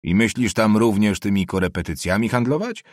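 Haughty young nobleman, raspy and imperious, a male reader putting him on, lively pitch. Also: a little fast, no echo, studio quality. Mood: commanding. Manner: hoarse, commanding, mocking questions.

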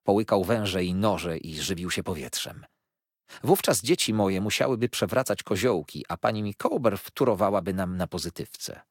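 A man voicing a pompous, tearful, middle-aged gentleman with grandiloquent, flowery speech and emotional outbursts. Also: low-pitched, moderate pace, dry recording, clean studio sound.

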